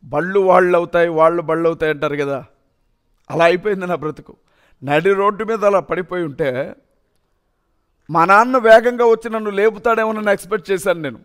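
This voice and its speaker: A man with a noticeably high voice giving a personal testimony. He tells his story earnestly and with deep emotion. He sounds like a young adult. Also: fairly quick, pauses often, fairly bright tone, clear, resonant tone. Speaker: testimony speaker.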